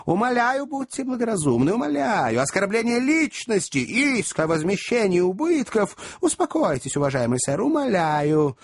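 A man's voice: sits high, sing-song, normal speed, few pauses, no room sound, pitched above the performer's own voice, exaggerated voice. A man voicing a fussy little male lawyer who keeps imploring and repeating his polite address, in an audiobook. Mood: pleading. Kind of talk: audiobook character voice.

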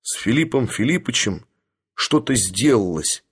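Man, audiobook narrator, mid pitch, husky, measured expressive reading. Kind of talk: literary narration.

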